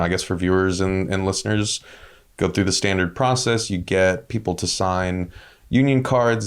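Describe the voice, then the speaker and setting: A man with a somewhat low voice hosts a casual interview. He gets excited, laughs, lets a swear word slip, and explains things at length to listeners. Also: vocal fry. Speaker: interviewer, host.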